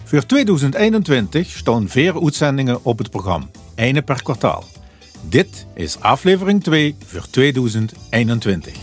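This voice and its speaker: Male podcast host and interviewer, broad southern Dutch Limburg accent, lively melody, some faint music. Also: mid-range voice, moderate pace.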